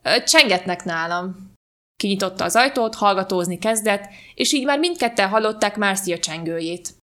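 A woman podcast host reading a short story aloud in a calm, even storytelling manner. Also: medium pitch. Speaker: podcast reader.

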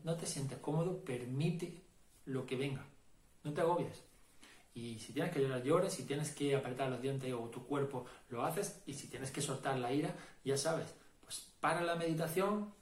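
Reassuring man teaching meditation, roomy echo. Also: medium pitch. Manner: reassuring, repetitive, emphatic. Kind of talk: informal spoken teaching.

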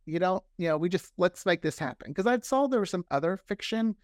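Speaking fairly quickly in a high voice, a man who creates audio dramas tells stories as an interview guest in a relaxed, animated way. He frequently performs the remarks he quotes. The sound is studio quality with no echo.

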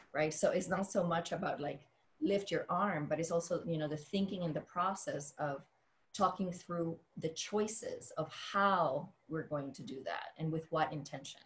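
Low-voiced thoughtful woman from the Dominican Republic. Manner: thoughtful, many fillers and restarts. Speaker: dance teacher and choreographer. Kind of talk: panel discussion.

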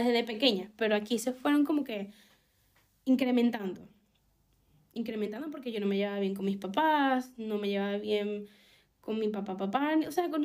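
Young Venezuelan woman, high voice, candid confessional vlogger, emphatic and unfiltered. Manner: frank and emphatic, repeats phrases, swears casually. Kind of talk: candid personal storytelling.

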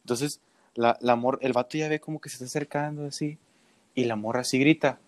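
A man's voice: medium pitch, fairly quick, no room sound. A young man with a Mexican accent chatting casually, telling stories full of slang and breaking into laughter. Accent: Mexican Spanish. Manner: slangy, laughing, animated storytelling. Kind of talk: casual chat.

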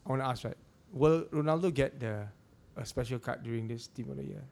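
A man's voice: medium pitch, a little fast, vocal fry, a little mellow. A man in his forties with a Malaysian accent, co-hosting a podcast in casual slang English and often repeating phrases. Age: 40s. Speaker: podcast co-host.

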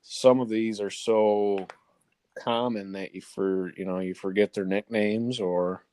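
A man's voice: fairly low pitch, steady tone, measured pace, mellow, no room sound. A man giving a casual countdown of sports nicknames to co-hosts, announcing each ranked number and then the name. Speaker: sports talk show panelist presenting a list.

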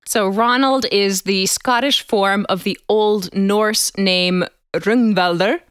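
A woman co-hosting a podcast in an easy, chatty way, walking through details and laughing every so often. Her voice is dry and close, with a middle pitch. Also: steady tone, slow, a bit bright, clear, resonant tone, no room sound. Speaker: podcast co-host. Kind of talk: casual podcast chat.

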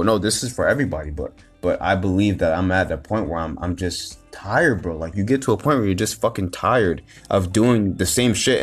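A man with a fairly low voice, a motivational vlogger, rants without a script as soft music plays in the background. Cursing nonstop, he circles over the same points, frequently starts sentences over, and breaks into loud, exasperated emphasis.

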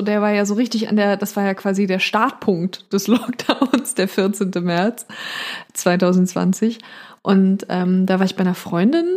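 A woman co-hosting a casual podcast, musing hesitantly with many pauses. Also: medium pitch, darkish tone. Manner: hesitant, many fillers, reflective. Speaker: podcast co-host. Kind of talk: casual chat.

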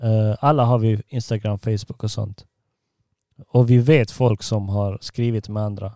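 A man in his thirties from Serbia hosts a relaxed podcast chat in his own home. He tells family stories with frequent laughter, in a dry, close-sounding recording. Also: on the low side, no room sound. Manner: laughs often while telling stories. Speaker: podcast host. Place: living room at home.

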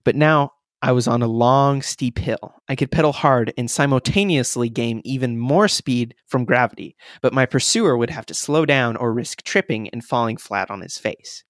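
A man's voice: mid-range voice, moderate pace, hardly any pauses, no room sound, clean studio sound. A man co-hosting a podcast, reading a friend's story aloud and teasing him between passages. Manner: teasing, joking. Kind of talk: casual reading with banter.

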